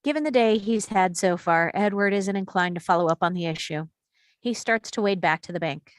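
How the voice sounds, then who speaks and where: A woman reading stage directions aloud in a table read, steady and clear. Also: medium pitch, a little fast, no echo, clean studio sound.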